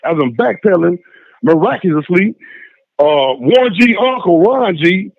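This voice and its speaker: Raspy high-voiced man on a phone line. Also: normal speed, no room sound. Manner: animated, acts out voices in his stories. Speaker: phone-in guest. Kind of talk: casual storytelling.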